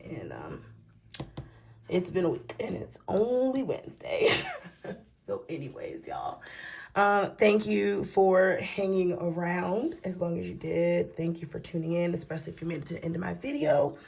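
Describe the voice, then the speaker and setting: A woman's voice: lowish voice, very animated, normal speed, vocal fry, darkish tone, slightly rough. A woman casually walking viewers through her planner late at night, sleepy and yawning, chatty and folksy, calling them y'all and child. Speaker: planner vlogger. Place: at home.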